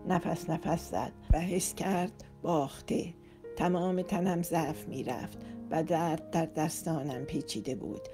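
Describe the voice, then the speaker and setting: A woman narrates a romance novel in a low, mellow voice with an emotive, dramatic first-person delivery. Faint instrumental music plays beneath her. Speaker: audiobook narrator.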